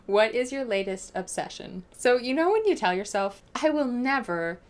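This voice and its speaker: This young American woman is a book vlogger answering questions for her viewers, and she's gushing, animated, casual and informal about it. Her pitch is fairly high and her speed normal.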